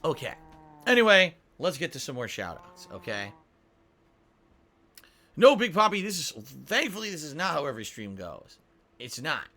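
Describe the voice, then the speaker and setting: A man's voice: on the high side, very animated, moderate pace, long pauses, pushed and bright. A man streaming a game, venting in frustration with heavy swearing and repeating himself as he reads out viewer tips. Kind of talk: casual live-stream chat.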